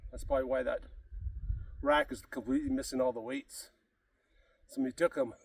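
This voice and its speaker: A man's voice: medium pitch, sing-song, fairly quick, creaky, no room sound, far from the mic. A middle-aged man talking casually to camera between gym sets, rambling and out of breath. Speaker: fitness vlogger. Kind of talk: casual talk to camera while working out. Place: remote gym off the grid.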